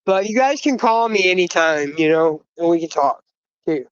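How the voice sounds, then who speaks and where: A woman's voice: fairly low pitch, lively intonation, moderate pace. A woman talking loosely and informally over a cell phone while walking outdoors, her call breaking up and cutting in and out. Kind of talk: casual livestream chat. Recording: muffled phone line breaking up.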